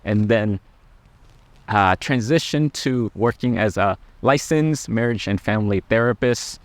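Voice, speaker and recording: A middle-aged man who is a Buddhist monk, talking gently and earnestly to camera about life lessons, with frequent pauses. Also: on the low side, no room sound. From Laos. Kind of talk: personal reflective talk to camera.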